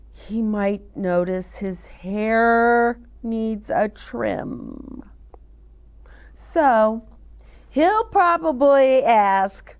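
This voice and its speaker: With lively swings in pitch and no rush over the words, a woman reads a picture book aloud for young children. She hosts storytime expressively, tossing chatty remarks to her listeners.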